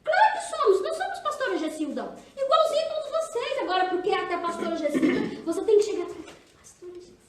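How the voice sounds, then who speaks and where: Brazilian woman pastor, very high voice, animated, teasing, echoey hall, distant mic. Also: fast, few pauses, slight background noise. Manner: chatty, teasing, asks the audience questions. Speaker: pastor leading a women's seminar. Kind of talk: church seminar talk to a women's group. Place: church hall.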